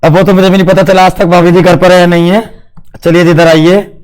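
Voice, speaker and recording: A man's voice: high-pitched, flat delivery, fairly quick, darkish tone. A man teaching a class, playful and quizzing his students as he explains, mixing in English terms. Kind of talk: classroom lecture.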